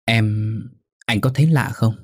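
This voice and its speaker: A man's voice: on the low side, unhurried, a little mellow, slightly rough. A man voicing a frightened middle-aged wife who speaks anxiously and stammers.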